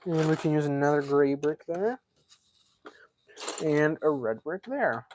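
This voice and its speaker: A man's voice: on the high side, expressive, a little slow, darkish tone, slight background noise. A man hosting a casual live stream, chatting and thinking aloud as he builds, a self-described yapper. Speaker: livestream host.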